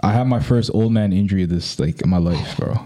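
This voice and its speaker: A man's voice: low-pitched, brisk, dark tone. A man in his thirties co-hosting a podcast in casual, slangy conversation, repeating phrases for emphasis. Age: 30s. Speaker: podcast co-host. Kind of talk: casual chat.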